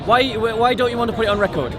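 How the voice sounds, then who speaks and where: Out in a busy public park, a street debater argues about religion insistently, often repeating himself. His voice is extremely high-pitched and racing, with music in the background alongside the chatter of a busy outdoor crowd.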